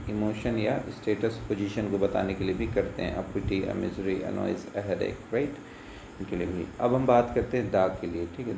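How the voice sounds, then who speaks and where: A man's voice: lowish voice, gravelly, mellow. A male school teacher explaining English grammar, patiently asking and answering his own questions as he goes. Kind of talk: grammar lesson explained in Hindi. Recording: echoey room with faint insect noise.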